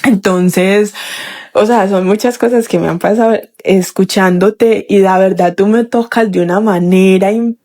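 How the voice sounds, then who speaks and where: A young woman records a voice message to share her testimony as a listener. She rambles with feeling, breaking off mid-sentence and starting again, and her pitch sits in an ordinary middle range for a woman. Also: steady tone, a little slow, darkish tone. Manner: rambling and emotional, with many restarts. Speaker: podcast listener sharing a testimony.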